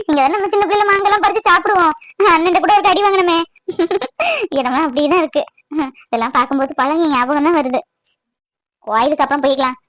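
A woman plays a homesick younger sister in an animated drama, wistful and close to tears. Her voice is very high and soft. The recording is dry and close. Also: dry recording. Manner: emotional, tearful, wistful. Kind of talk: cartoon voice acting.

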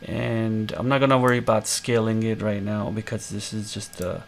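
Man, tutorial host, gravelly voice, relaxed step-by-step explaining, frequent fillers, faint background hiss. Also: on the low side, normal speed. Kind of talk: screen-recorded coding tutorial.

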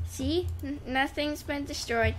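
Woman host, bright and animated, unhurried, playful and bossy. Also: high-pitched, a little hiss or hum. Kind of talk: casual gaming chat.

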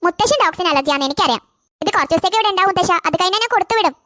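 Performer as defiant cartoon girl, very high and quick. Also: lively intonation, pushed and bright, dry recording, studio quality, full character voice. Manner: defiant, pleading. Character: stubborn teenage girl with a new puppy. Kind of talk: cartoon voice acting.

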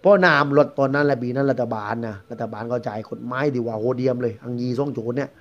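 Quick-talking man with a Southern Thai accent. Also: mid-range voice, fairly even intonation. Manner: chatty, rambling, conversational. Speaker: guest storyteller. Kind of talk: casual spoken ghost story telling. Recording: dull lo-fi recording.

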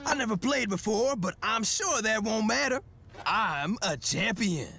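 An actor playing a big gruff, blustering, insecure preschool chef in an animated cartoon. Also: male voice, sits high, measured pace, full character voice. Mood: boastful. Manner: blustering, exclamatory. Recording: loud cartoon music behind.

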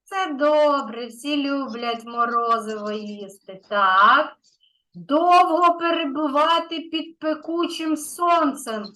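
A woman's voice: high voice, takes it slowly, sharp tone, rough recording. A woman kindergarten teacher giving an online lesson to a young child, patient and encouraging, stretching out key words.

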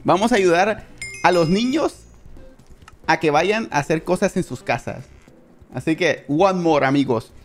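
A gaming creator giving excited, profane live commentary, yelping and laughing while talking to viewers as friends. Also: mid-range voice, unhurried, long pauses, faint music behind. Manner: excitable, swears, yelps and laughs at the action.

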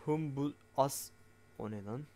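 A man giving excitable let's play commentary on a game, loud and jumpy, swearing often and talking straight to his viewers. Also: medium pitch, measured pace. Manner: loud, shouts a lot. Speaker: gaming YouTuber.

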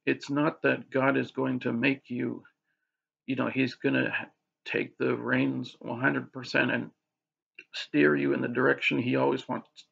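A man's voice: mid-range voice, flat delivery, unhurried, gravelly, a bit bright, slightly rough. A man vlogging casually about faith, rambling with restarts and filler words. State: hiccups. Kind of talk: casual religious monologue to camera. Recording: dull lo-fi audio.

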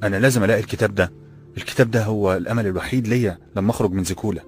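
A man voicing an eager, tense young man who asks quick questions in colloquial Egyptian Arabic. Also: fairly low pitch, darkish tone, soft background music, close to an everyday voice.

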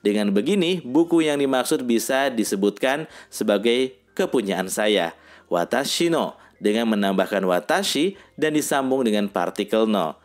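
Man teaching in a calm, measured voice. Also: medium pitch. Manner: reads sample sentences slowly and deliberately. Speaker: language teacher. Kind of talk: scripted lesson narration.

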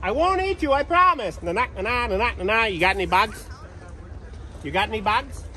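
A man's voice: high voice, lively intonation, moderate pace, exaggerated voice. A man in costume voicing a hungry bird that knocks on trees and coaxes bugs out, teasing and sing-song, at an outdoor winter festival. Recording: loud outdoor crowd noise.

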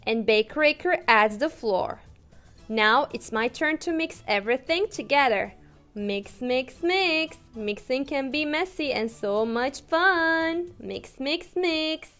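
Reading a picture book to toddlers, this young English teacher speaks very slowly in a fairly high, animated, slightly bright voice with a Turkish accent. Her delivery is playful and sing-song, and soft music plays in the small room around her.

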